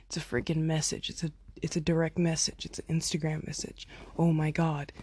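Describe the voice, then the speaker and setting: Chatty young woman with a husky voice. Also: sits low, completely flat delivery, brisk, warm tone, no echo. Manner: chatty, lots of "like" and "oh my God", acts out quotes. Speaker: podcaster telling a concert story. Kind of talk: casual storytelling. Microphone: phone.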